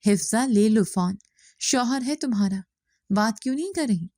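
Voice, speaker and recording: A woman voicing an older mother-in-law who speaks softly and plays the victim. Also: a little high, lively intonation, no room sound, clean studio sound, natural voice. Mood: sly. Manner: soft complaining tone, plays the victim. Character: older mother-in-law, sly and self-pitying.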